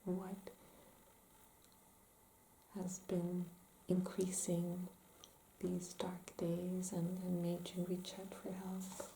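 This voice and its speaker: A woman playing a calm, gentle therapist in an ASMR role-play, asking careful, hesitant questions in soft-spoken ASMR style. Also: fairly low pitch, very slow, vocal fry, pauses often, heavily acted. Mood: calm, attentive. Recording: roomy echo, faint background noise.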